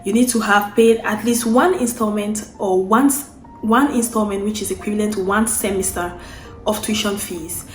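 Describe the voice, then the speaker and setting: A young woman from Cameroon talks casually through a step-by-step process, restarting and repeating herself as she works out each point. Her voice sits at a medium pitch and rings in an echoey room. Faint music plays underneath. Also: fairly even intonation, moderate pace. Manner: unscripted, with restarts and repeated phrases while explaining steps. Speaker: vlogger. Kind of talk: casual explainer talk to camera.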